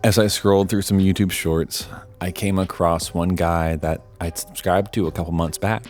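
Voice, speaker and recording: A man with a deep, low voice narrates a horror story. He tells it in a wry, self-deprecating way, and faint music plays under him. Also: fairly even intonation, normal speed, darkish tone.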